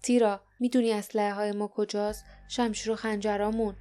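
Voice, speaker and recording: A woman's voice: mid-range voice, level tone, dark tone, lightly acted. A woman voicing a grown male warrior who talks bluntly and impatiently. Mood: urgent.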